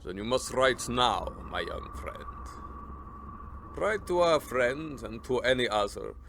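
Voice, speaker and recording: An aristocratic vampire count for radio drama. His mid-pitched voice swings expressively through formal, commanding courtesy with menace underneath. A faint noise sits behind the recording. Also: big pitch swings, takes it slowly, gravelly, a bit bright, heavily acted. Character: old-family Transylvanian count, courteous but quietly menacing vampire.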